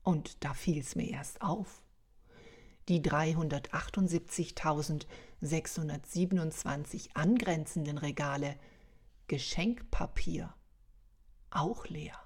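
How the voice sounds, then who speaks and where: A woman tells a first-person story in a wry, unhurried way. She speaks very slowly, and her voice sits a little low. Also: darkish tone, husky.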